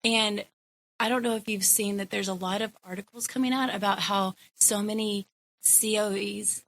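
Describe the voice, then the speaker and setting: A woman's voice: mid-range voice, steady tone, normal speed, vocal fry, a bit bright, no echo. A woman in her thirties, a guest in an interview, talking casually with lots of fillers. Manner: casual, chatty, many fillers. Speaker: guest, educator and mother. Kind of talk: conversational interview.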